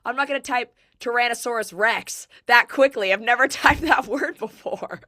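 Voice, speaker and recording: Woman, sick and rough-voiced, bright tone, excitable casual chat, podcast guest. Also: on the high side, normal speed. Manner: laughs often, excitable.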